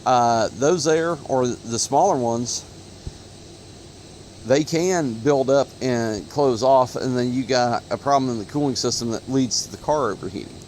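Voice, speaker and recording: A man's voice: medium pitch, unhurried, darkish tone, a little hiss or hum. A man from Ohio, talking casually to his phone camera outdoors, rambling with many fillers and corrections. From Ohio, USA. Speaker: auto parts video host. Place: outdoors in sunlight. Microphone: phone recording.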